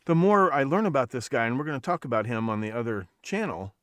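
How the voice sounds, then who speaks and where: A man's voice: medium pitch, expressive, fast talker, fairly bright tone, no echo. A man hosting a podcast livestream in casual chat, rambling and profane, often restarting his sentences. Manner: rambling, profane, self-correcting. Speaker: podcast host.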